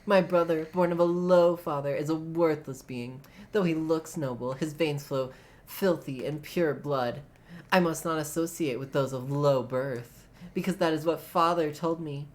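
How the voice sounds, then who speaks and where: A woman's voice: low voice, unhurried. A woman voicing an earnest, proud young male noble bird in a game, speaking with stiff, formal diction. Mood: brooding. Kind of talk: reading visual novel dialogue aloud. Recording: faint music behind.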